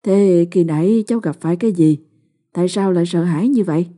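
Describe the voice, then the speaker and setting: A woman's voice: fairly low pitch, fast talker, dark tone, close to an everyday voice. A woman voicing a worried grandmother anxiously questioning her frightened grandson.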